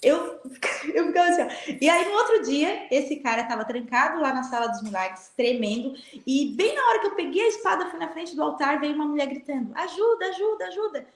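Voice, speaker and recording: Animated woman, roomy echo. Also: sits high, fairly quick. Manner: animated storyteller, acting out dialogue. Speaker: guest. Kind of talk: spiritual testimony in a live chat. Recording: echoey room.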